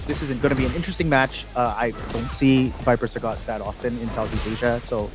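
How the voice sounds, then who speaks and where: A man doing live play-by-play commentary on a fighting game, excitable and climbing to near-shouts at big moments. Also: medium pitch, fast. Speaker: esports commentator. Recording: commentary over loud game music.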